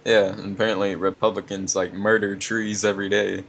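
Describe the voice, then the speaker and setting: A man's voice: on the low side, level tone, brisk, slight background noise. A young man reading a story aloud casually, with sarcastic asides that mock the text. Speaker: co-reader of a dramatic fan fiction reading.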